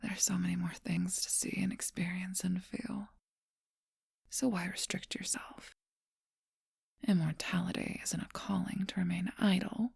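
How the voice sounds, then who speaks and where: This ASMR role-play features a woman as an ageless, seductive vampire, her low, gravelly whisper heavy with breath and held near the mic. She barely shifts pitch, keeping a level, slightly mellow, slow and possessively teasing intimacy, like a storybook creature. The performance is heavily acted and the recording dry.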